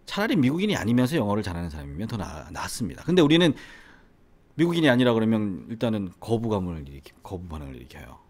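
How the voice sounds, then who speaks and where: This middle-aged Gyeongsang native, faintly accented, runs an English academy and teaches there; here he delivers a relaxed educational monologue to the camera, peppered with rhetorical questions for viewers. He speaks fast and very animatedly in a fairly low, slightly mellow voice.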